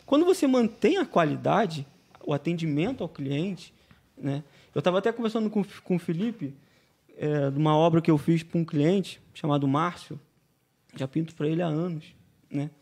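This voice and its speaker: A Brazilian-accented man with a notably high voice, talking as a podcast guest. His voice has a gravelly, fried edge. He chats and tells stories freely, and he keeps checking in with the listener. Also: lively intonation, moderate pace, a little mellow. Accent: Brazilian Portuguese. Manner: chatty storyteller, constantly adding "né?". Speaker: guest, painting business owner. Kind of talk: casual podcast interview.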